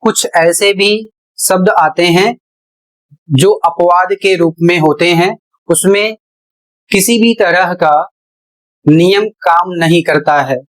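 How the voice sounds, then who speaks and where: A male teacher explaining pronunciation rules at a board in a deliberate way, repeating each step. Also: high voice, low-quality recording. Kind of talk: slow classroom explanation at a board.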